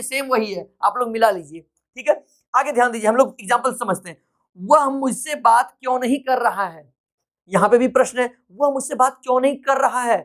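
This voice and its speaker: A male English teacher giving a grammar lesson, patient and repetitive, often checking that students follow and spelling out example sentences slowly word by word. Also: very high-pitched, a bit bright.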